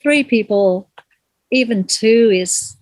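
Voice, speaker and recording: Soft-spoken woman, slightly high, dry sound. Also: slow, no echo, rough recording. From Malaysia. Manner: gentle, thoughtful, searches for words. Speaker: guest, kirtan singer. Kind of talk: reflective interview conversation.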